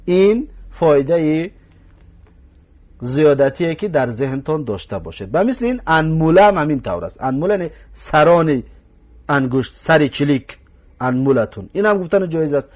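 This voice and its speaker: A man with a Tajik accent teaching an Arabic lesson, who says words again slowly to drill them and keeps asking the listeners whether they follow. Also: fairly high pitch, sing-song, darkish tone, muffled recording. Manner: addresses listeners directly, asks if they follow. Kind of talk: recorded language lesson.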